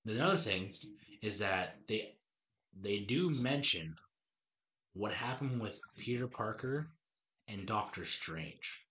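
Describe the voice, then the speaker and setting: A man's voice: fairly low pitch, expressive, slow, long pauses, a bit bright. Podcast host, a man in his thirties, eager and rambling, trips over his own sentences. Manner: eager, rambling, with frequent restarts. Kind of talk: casual movie review chat.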